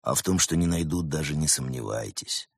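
A man voicing a sly, scheming male snow leopard who leads a cult, talking in a smug, mocking, quietly menacing way. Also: rumbling low, lively intonation, brisk, creaky, breathy edge, no echo, pitched below the performer's own voice, heavily acted.

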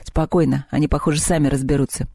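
A man voicing a calm, level-headed boy with a dry, philosophical manner in a storybook reading. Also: a little high, fast talker, creaky, husky, no room sound.

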